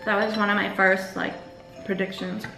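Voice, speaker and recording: A woman's voice: medium pitch, normal speed, gravelly. A young adult woman chatting casually as a show co-host, telling personal stories in a giggly way and acting out what people said. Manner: animated retelling, acts out quoted dialogue, giggly. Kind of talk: casual chat, personal storytelling. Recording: echoey room, music underneath, clinking dishes.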